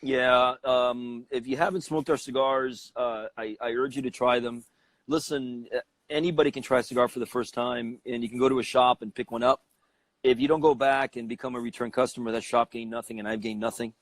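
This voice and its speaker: A Cuban-born man in a mid-range voice speaks as an interview guest, pitching with easy confidence. The sound is dry and close, with no room around it. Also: fairly even intonation, a little fast, no echo. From Cuba. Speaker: cigar company president.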